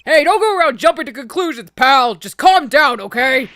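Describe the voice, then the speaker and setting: A woman's voice: sits high, lively intonation, moderate pace, fairly bright tone, no echo. A woman voicing an earnest, bumbling male police detective in a video game, blustery and folksy. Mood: placating.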